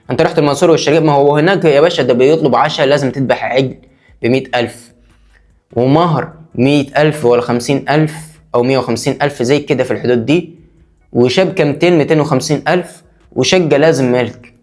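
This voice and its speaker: A man with an Egyptian Arabic accent giving mock-indignant comedic commentary in a sarcastic tone. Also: on the high side.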